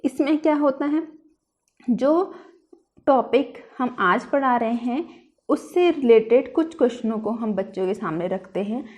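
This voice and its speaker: A woman teacher giving a lecture, who explains step by step and reads English phrases slowly, then restates them, with an Indian English accent. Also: a little high, animated, darkish tone. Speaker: teacher explaining a lesson plan. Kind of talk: classroom-style lecture.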